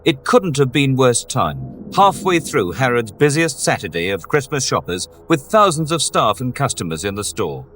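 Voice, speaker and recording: A man's voice: medium pitch, big pitch swings, moderate pace, hardly any pauses, a bit bright, soft background music. A man reporting for an archive television news bulletin in a formal manner.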